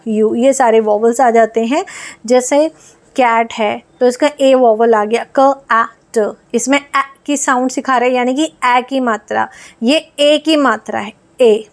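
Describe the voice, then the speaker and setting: A woman explains English reading step by step. Her voice sits high, and she patiently breaks words into single letter sounds. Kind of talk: explaining phonics lesson.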